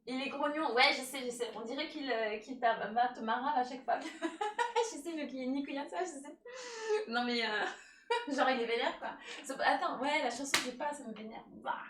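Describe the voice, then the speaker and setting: A woman's voice: high voice, moderate pace, recorded from a distance, noisy background. A woman chatting casually during a live cooking stream, laughing often, thanking viewers and talking to her cat. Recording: echoey room, voice a bit off-mic.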